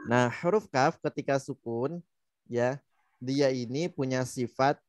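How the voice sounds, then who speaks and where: A man's voice: mid-range voice, a little mellow. A man teaching Quran recitation in an online class, patiently demonstrating each letter sound over and over. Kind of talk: online tajwid lesson.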